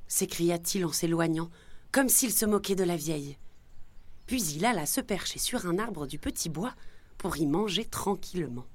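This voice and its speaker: A woman narrating a children's story in an expressive, lively reading. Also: fairly low pitch, moderate pace. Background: faint music.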